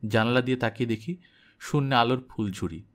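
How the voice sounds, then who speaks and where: A man narrating an audiobook in a measured first-person diary reading. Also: medium pitch.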